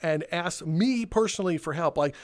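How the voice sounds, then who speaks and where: A man's voice: a little high, normal speed. A young man telling rambling, sardonic stories in a casual way while playing a game, swearing and laughing between them. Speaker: gaming video creator.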